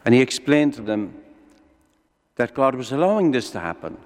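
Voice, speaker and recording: A man's voice: mid-range voice, very animated, moderate pace, a little mellow. A man preaching a sermon like a lilting storyteller, putting rhetorical questions to his listeners and telling everyday examples. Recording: echoey hall with long reverb.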